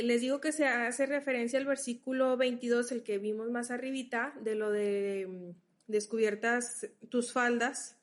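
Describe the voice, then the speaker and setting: A woman teaches a Bible study, her voice sitting slightly high. She speaks slowly and patiently, reading scripture aloud and unpacking it step by step. She often stops to make sure her listeners are keeping up. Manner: explains patiently, reads verses aloud, checks in with listeners.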